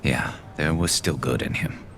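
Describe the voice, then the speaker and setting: Straight out of a sci-fi video game, a battle-weary alien soldier and loyal rebel with a dry, measured wit speaks in an extremely low, creaky, slightly bright voice. The performance is heavily acted and brooding, conflicted, with clearly audible ambient noise behind him.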